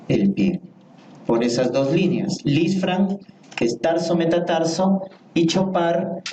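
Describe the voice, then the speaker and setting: Heard from a distance in a reverberant room, a man with a warm mid-range voice teaches anatomy at a slow pace. He repeats every term and asks the students questions, over a light hiss or hum.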